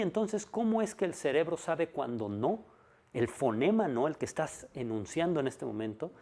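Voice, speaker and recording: Man, personal-development lecturer, gravelly voice, mid pitch, emphatic with rhetorical questions. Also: darkish tone. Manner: emphatic, repeats key points, asks rhetorical questions. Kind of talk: monologue lecture.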